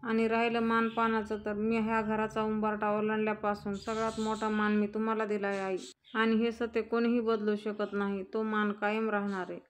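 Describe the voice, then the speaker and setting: Woman recapping a soap episode, flat delivery. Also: mid-range voice, normal speed, slight background noise. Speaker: narrator retelling a serial episode. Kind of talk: storytelling recap with voiced quotes.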